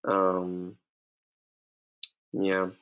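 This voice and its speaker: A man's voice: low-pitched, completely flat delivery, drawn-out words, clean tone, phone-quality sound. A man leading a casual live trading session for his members, laid-back and slangy, often repeating himself. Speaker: forex trading mentor.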